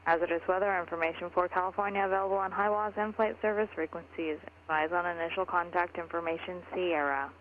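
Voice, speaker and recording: A man reading a recorded airport weather broadcast in a flat monotone, heard over an aircraft radio. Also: high-pitched, fast, hardly any pauses. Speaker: automated airport information broadcast. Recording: tinny radio with faint noise.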